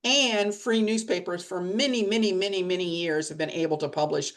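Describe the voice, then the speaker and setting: This middle-aged head of a press association talks brisk and low in a video-call webinar, making her points bluntly, plainly and with emphasis.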